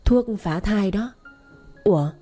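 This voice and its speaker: A woman's voice: medium pitch, expressive, slow, warm tone, soft background music. A woman voicing a chatty, curious pharmacist who asks nosy questions.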